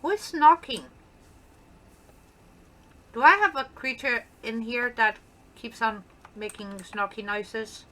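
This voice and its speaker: Speaking slowly and pausing often, a woman with a Danish accent shows off her build in playful, casual gameplay commentary for her gaming channel. She is a native Danish speaker, and her voice is a little high with a sharp tone.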